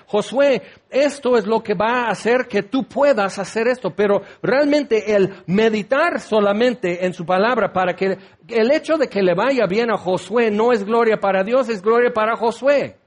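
A man preaching a sermon, acting out quoted voices and firing rhetorical questions. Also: high voice.

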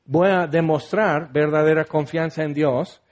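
A man's voice: a little high, measured pace. Mexican man preaching a conversational sermon. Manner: animated, rising for emphasis and dropping to a hush.

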